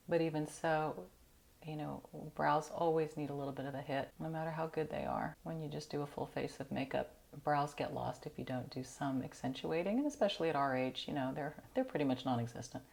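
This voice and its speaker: A woman's voice: sits low, creaky, darkish tone. A middle-aged woman, chatting through a makeup tutorial in a sleepy morning voice, friendly and self-deprecating. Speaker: beauty vlogger.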